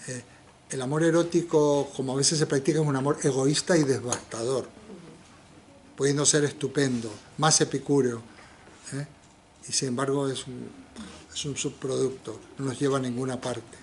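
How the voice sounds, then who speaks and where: A man's voice: medium pitch, steady tone, moderate pace, slight background noise. An older man giving an informal philosophy seminar lecture, asking the audience rhetorical questions and dropping frequent tag questions. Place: lecture room in a community center.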